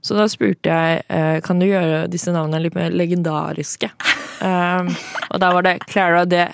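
A woman's voice: on the low side, fairly even intonation, gravelly, background noise. A young woman co-hosting a radio show, chatting casually and hesitantly with many fillers. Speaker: radio co-host.

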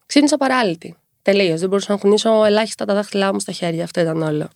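A woman in her twenties, a podcast guest who talks quickly and tells her story with wry humor. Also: medium pitch, creaky, no room sound. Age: 20s. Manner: fast-talking, lively storytelling with wry humor. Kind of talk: casual conversational interview.

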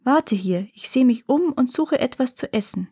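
A woman doing a bright little boy. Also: lively intonation, moderate pace, slightly rough. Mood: reassuring. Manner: high and bright, squeaky when tricking the giant. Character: small brave boy, clever and reassuring.

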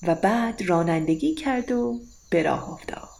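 Gravelly-voiced woman telling a bedtime story. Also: medium pitch, expressive, a little mellow.

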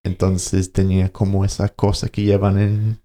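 A Colombian man co-hosting a podcast tells a story in casual conversation, hesitating and searching for words along the way. His voice is low, dark, and monotone, at a moderate pace.

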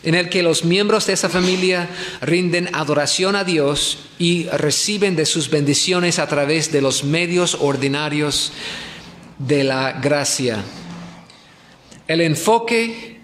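Speaking slowly in a rather high, slightly bright voice, a man addresses a pastors' conference in an Ecuadorian church hall. The sermon is full of questions for the listeners and repeated key points, captured in an echoey room with a little background noise.

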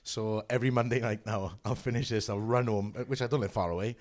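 A man's voice: lowish voice, fairly even intonation, fast, darkish tone. A man bantering and joking as a podcast co-host. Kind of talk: casual podcast chat.

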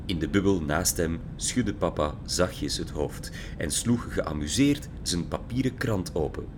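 A man's voice: low voice, background noise. A man narrating an audiobook with vivid, theatrical storytelling. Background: background music.

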